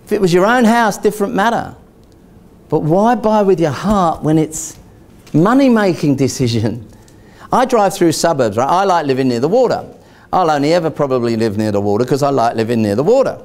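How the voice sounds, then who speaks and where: A man presenting a live seminar, animated and rhetorical, constantly checking in with his audience. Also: on the high side, fairly quick. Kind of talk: live property investment seminar.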